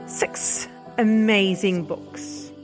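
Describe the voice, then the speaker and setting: A native Portuguese-speaking woman hosts a podcast, reading book recommendations aloud very slowly and hesitantly, with fillers and restarts. Her mid-range voice keeps a steady tone over soft background music.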